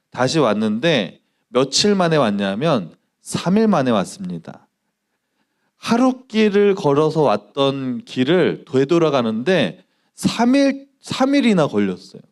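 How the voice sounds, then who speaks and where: Lively Korean pastor preaching to youth. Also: male voice, medium pitch. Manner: lively storytelling, quizzing the audience. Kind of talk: youth sermon. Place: church sanctuary.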